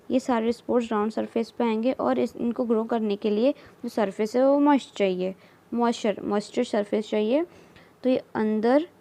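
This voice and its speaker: A woman's voice: fairly high pitch, dark tone. A woman teaching biology, explaining step by step while drawing, repeating key terms and checking in with "theek hai". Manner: slow, repeats terms, mixes English terms into Hindi, frequent "theek hai".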